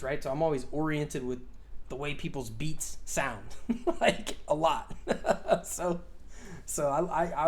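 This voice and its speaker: A man in his forties co-hosting a casual podcast, rambling with lots of fillers, swearing freely and laughing often. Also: on the high side. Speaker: podcast co-host.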